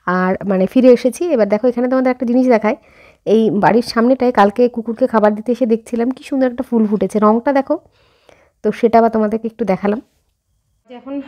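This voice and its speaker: Her voice fairly high and mellow, a woman in her thirties from India casually vlogs her daily routine in Bengali with a slight rural Jessore-Khulna lilt. She talks right to her viewers, full of fillers, at home and outdoors on errands.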